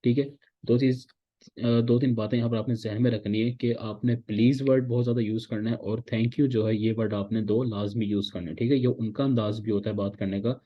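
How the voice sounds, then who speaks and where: A man's voice: mid-range voice, steady tone, brisk. A man from Pakistan teaching a class of interns, explaining patiently and mixing in English phrases. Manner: explains patiently, repeats "ठीक है" often, mixes English phrases. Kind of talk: online class lecture. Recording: dull lo-fi sound.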